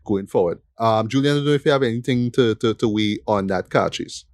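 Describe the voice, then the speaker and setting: A man's voice: lowish voice, brisk, darkish tone, dry recording, studio quality. A man co-hosting a film review podcast, talking enthusiastically and tagging his points with "right?". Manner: enthusiastic, frequent "right?" tag questions. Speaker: podcast co-host. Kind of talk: casual film review chat.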